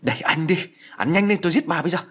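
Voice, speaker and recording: A man's voice: fairly low pitch, wildly swooping pitch, rapid-fire, breathy edge, full character voice. A man voicing a cruel, abusive middle-aged woman caretaker who screeches insults in a storybook ghost tale. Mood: shrieking, furious.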